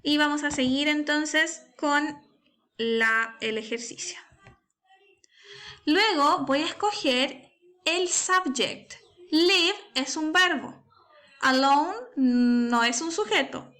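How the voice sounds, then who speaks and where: A woman's voice: high-pitched, takes it slowly, pushed and bright. A woman teaching an online primary school English class, explaining step by step and patiently checking that pupils follow. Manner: patient, step-by-step, frequent "¿cierto?" and "¿ya?".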